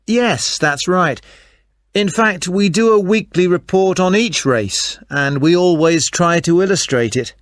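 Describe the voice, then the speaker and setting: Man playing a slow, helpful race organiser. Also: sits high, expressive, dry recording. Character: helpful, unhurried male race organiser on the phone. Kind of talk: scripted listening-test dialogue.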